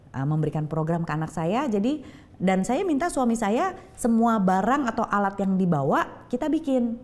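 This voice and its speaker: A middle-aged woman giving an emotional personal testimony as a talk show guest, telling her story with lively, acted-out storytelling. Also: on the low side. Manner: lively storytelling, acting out quoted voices.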